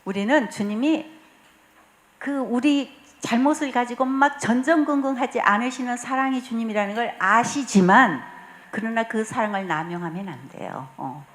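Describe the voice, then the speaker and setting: A woman's voice: a little high, normal speed. Korean woman giving a retreat talk. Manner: warm storytelling, acts out quoted dialogue, frequent fillers; laughs often while speaking. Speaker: lay mission president leading a retreat talk. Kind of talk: spiritual retreat lecture.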